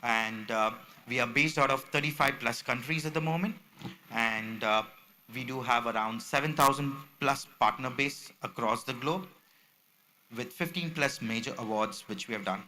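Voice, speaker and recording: A man's voice: medium pitch, normal speed, bright, forceful tone. A man giving a podium speech as a company representative, presenting products with slides in a salesman-like, explaining manner. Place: symposium venue, speaking at a podium. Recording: background noise from a live event room.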